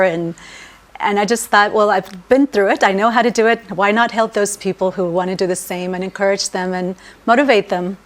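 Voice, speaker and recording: A young woman from Mexico, raised in the US, answering interview questions on a TV program in an upbeat, eager way. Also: mid-range voice. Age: young adult. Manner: upbeat, eager, laughs often. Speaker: guest, relocation agency owner and life coach. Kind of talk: talk show interview answers.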